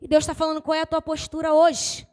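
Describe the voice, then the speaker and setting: A woman pastor, preaching an impassioned sermon to a church, rising to shouts and dropping low. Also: monotone, fairly quick, in a large hall, faint music behind. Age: adult with a young son.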